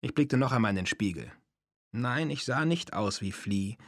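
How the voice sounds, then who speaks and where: A man's voice: medium pitch, lively intonation, normal speed, no echo. A man reading a first-person story as an audiobook, with a dry, self-mocking manner. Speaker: narrator. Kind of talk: audiobook narration.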